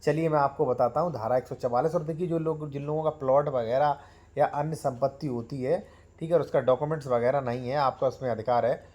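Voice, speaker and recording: A man gives a step-by-step lesson on land law and reads out legal clauses slowly to his viewers. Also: medium pitch, steady tone, darkish tone.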